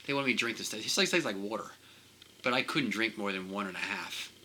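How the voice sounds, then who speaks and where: A man telling a personal vlog, halting and emotional, often repeating himself as he speaks. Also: lowish voice, bright, forceful tone, a little hiss or hum, poor audio. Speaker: vlogger.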